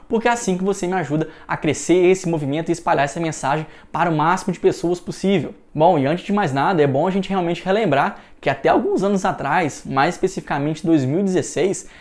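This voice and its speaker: A young Brazilian man hosting an investment channel, explaining the market in an energetic, persuasive scripted talk. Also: on the high side. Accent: Brazilian Portuguese. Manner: energetic, persuasive, many fillers like "realmente".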